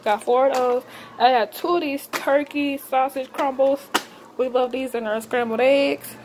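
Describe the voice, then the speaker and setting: A young woman with a slightly high voice chats casually through a grocery haul, listing items one by one with plenty of "uh"s and calling her viewers "y'all". She is filmed in her home kitchen on a handheld phone, with clear noise in the background. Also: steady tone, unhurried. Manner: casual, chatty, addresses viewers as y'all, lists items with many fillers. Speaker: vlogger showing a grocery haul.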